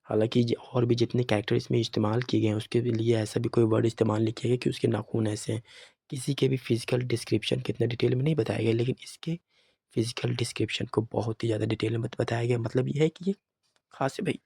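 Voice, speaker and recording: Gravelly teacher explaining a poem. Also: male voice, mid-range voice, fairly even intonation, warm tone, no echo, studio quality. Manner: mixes Hindi and English, reads poem lines slowly. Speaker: English teacher.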